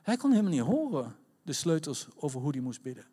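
Dutch man preaching a lively sermon. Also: on the high side, quick pace, husky. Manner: conversational, acts out quotes, shouts at peaks.

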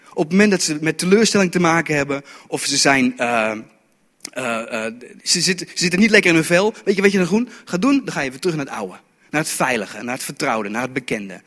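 Fairly high-voiced male preacher, storytelling sermon, stumbling repeats, long hall reverb. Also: big pitch swings, fairly quick, a bit bright.

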